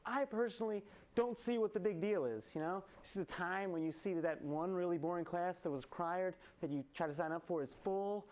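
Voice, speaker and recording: A man's voice: high-pitched, a little fast, darkish tone. A young man hosting a late-night show, delivering a monologue of punchy topical jokes from a studio stage. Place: student TV studio with painted skyline set.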